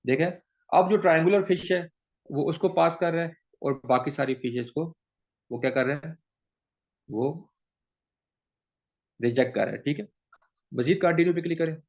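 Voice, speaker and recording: A man's voice: on the high side, moderate pace, pauses often. A man teaching a training session, mixing English into his explanations and often checking with "theek hai?". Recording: dull lo-fi recording.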